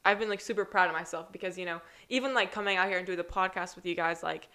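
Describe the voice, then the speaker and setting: A woman's voice: on the low side, steady tone, quick pace, pushed and bright. A woman speaking as a guest on a podcast in casual chat, hesitant with many fillers.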